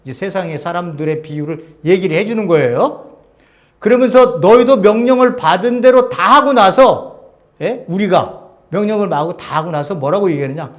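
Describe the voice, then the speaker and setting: A man preaching a sermon as pastor, swinging between loud exhortation and hushed, near-whispered lines, often putting rhetorical questions to the congregation. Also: very high-pitched.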